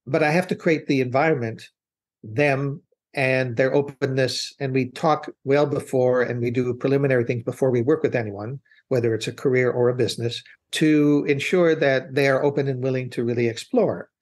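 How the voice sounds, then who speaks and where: In an interview conversation, a business consultant guest speaks at normal speed with a steady tone and mid-range voice. He answers earnestly and reflectively, his long responses winding along and frequently restarting.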